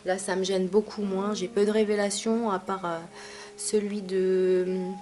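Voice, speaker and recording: A woman's voice: medium pitch, little pitch movement, a little slow, dark tone, soft background music. A young adult woman reviewing teas she has finished, chatty, with many fillers and asides. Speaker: tea vlogger. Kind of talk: casual product review.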